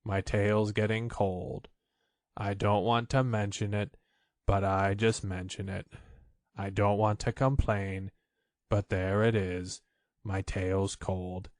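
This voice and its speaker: A man acts out a gloomy old donkey from a children's storybook. The voice is deep and very slow, close and dry. He grumbles with long-suffering, deadpan resignation. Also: no echo. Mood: gloomy, resigned.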